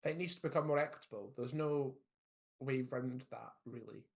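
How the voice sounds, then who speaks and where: A man's voice: mid-range voice, moderate pace, gravelly. A man co-hosting a casual football podcast, blunt and opinionated. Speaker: podcast co-host.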